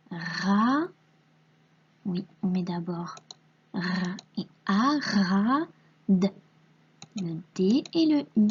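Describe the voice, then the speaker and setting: Slow, patient, breathy woman teacher. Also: medium pitch, dull audio. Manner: slow, patient, sounds out syllables and letters; often drops to a soft breathy half-whisper. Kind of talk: recorded reading lesson for a young child.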